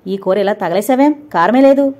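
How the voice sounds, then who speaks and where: A woman doing a loud, nagging mother-in-law. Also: on the high side, animated, a little fast, highs cut off. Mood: scolding. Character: harsh scolding older mother-in-law.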